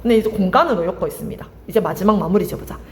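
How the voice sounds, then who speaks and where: A woman's voice: medium pitch, rapid-fire, darkish tone, long reverb tail, slight background noise. A woman teaching Korean literature for exam prep, firing questions at her students and answering them herself. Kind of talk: lively exam-prep lecture.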